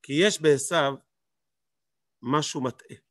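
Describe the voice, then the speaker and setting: A man's voice: on the high side, a bit bright, dry recording, clean studio sound. A man teaching a Torah lesson, emphatic, asking rhetorical questions and repeating words for stress.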